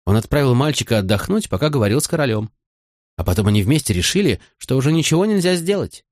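A man's voice: medium pitch, sing-song, fast, a little mellow, no echo, clean studio sound, voice pushed up. A man reading an audiobook, voicing a young queen who speaks urgently and confidingly. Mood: worried. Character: young grieving queen, earnest and direct. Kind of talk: audiobook character voice.

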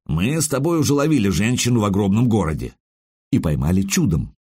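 A man narrating an audiobook in the first person, in an expressive, conversational way. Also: on the low side, slightly rough.

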